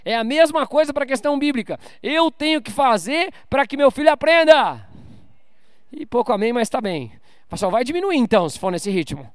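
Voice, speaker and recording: A man's voice: extremely high pitch, very animated, normal speed, no echo, clean studio sound. A man preaching an informal sermon to his church, joking and calling out for amens. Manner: informal, calls out for amens, jokes with the crowd. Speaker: pastor. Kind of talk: casual sermon to a congregation. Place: church service.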